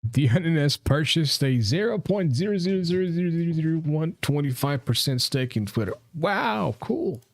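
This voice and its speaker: A man's voice: on the high side, expressive, a little fast. A man co-hosting a casual live podcast, ranting crudely with a lot of swearing. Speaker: podcast co-host.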